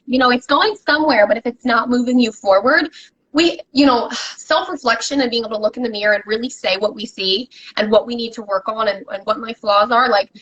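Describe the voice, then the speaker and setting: Emphatic woman guest with a higher voice. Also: a little fast, dull audio. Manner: energetic and emphatic, with repetitions and restarts. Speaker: podcast guest, business coach. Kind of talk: motivational casual conversation.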